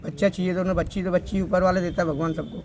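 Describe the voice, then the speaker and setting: A man's voice: high-pitched, flat delivery, very fast, a little mellow, rough recording. A man from Madhya Pradesh, the victim's brother, speaking in an agitated way in a street interview and demanding justice. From Madhya Pradesh, India. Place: outdoors by a road. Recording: outdoor street with traffic noise.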